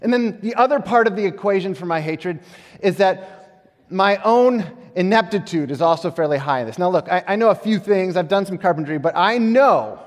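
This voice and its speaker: High-voiced joking pastor in a hall. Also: male voice, animated, normal speed. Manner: conversational, self-deprecating humor. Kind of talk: sermon. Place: church sanctuary. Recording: echoey hall.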